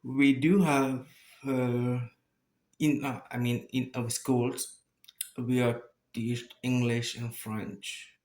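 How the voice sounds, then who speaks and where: Slow-talking man with a Mauritian accent. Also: medium pitch, little pitch movement, a little mellow. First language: Mauritian Creole. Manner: halting, searching for words, repeats phrases. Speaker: YouTuber making a first video. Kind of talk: casual talk to viewers.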